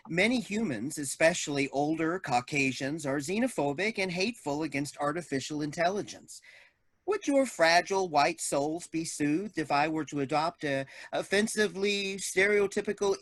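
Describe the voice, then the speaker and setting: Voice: mid-range voice, moderate pace, fairly bright tone, no room sound, natural voice. An actor voicing a robot doctor that puts on a stiff, fake-friendly human bedside manner in a comedic audio drama. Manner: stiff, menu-like robotic phrasing with a put-on cheery bedside tone.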